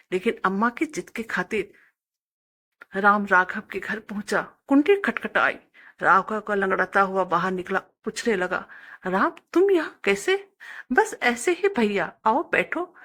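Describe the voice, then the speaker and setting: Woman narrator reading a family story aloud, steady plain delivery, gravelly husky timbre. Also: medium pitch.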